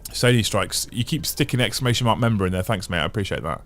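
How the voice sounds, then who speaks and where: Faint music plays behind a man hosting a casual livestream, his lowish voice fast and fairly bright. He reads out viewer comments and chats, thinking aloud in long runs marked by restarts and repeated phrases.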